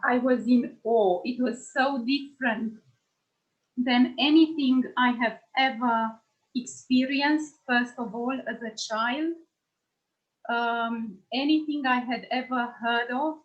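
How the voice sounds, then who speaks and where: A woman's voice: fairly high pitch, slow pace. A woman trainer sharing an earnest, thoughtful personal reflection over a video call. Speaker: nonviolent communication trainer. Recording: dull lo-fi sound.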